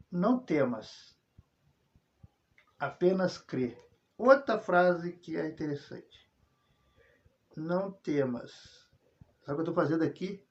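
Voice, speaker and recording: Animated Brazilian man teaching scripture. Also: fairly high pitch, highs cut off. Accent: Brazilian Portuguese. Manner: animated storytelling, frequent "né", chuckles. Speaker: Bible study teacher. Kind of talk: informal Bible study talk.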